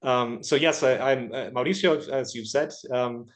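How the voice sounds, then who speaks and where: A man's voice: mid-range voice, normal speed. A man from Ecuador in his thirties, a research engineer answering interview questions at length, hesitant and full of filler sounds.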